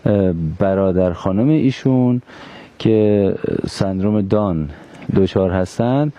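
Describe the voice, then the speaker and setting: A man's voice: fairly low pitch, warm tone, no echo, highs cut off. A male interviewer asking probing questions, precise and insistent on exact wording.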